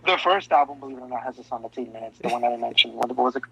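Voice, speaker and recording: A man's voice: mid-range voice, racing, gravelly, pushed and bright, slightly rough, soft background music. Rambling enthusiastic man, dull lo-fi sound. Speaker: podcast co-host. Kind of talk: casual music discussion. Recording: dull lo-fi podcast audio.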